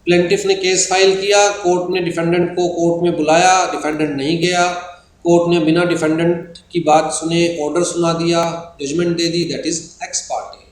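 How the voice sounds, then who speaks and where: A man with an Indian English accent teaching an exam-prep lecture, explaining terms patiently and slowing down when he reads out definitions. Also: fairly high pitch, flat delivery. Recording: echoey room with faint hiss.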